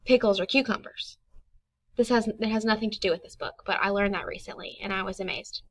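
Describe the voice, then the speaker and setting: A young woman teaching a reading lesson to young children, upbeat and animated, reading book lines slowly. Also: mid-range voice.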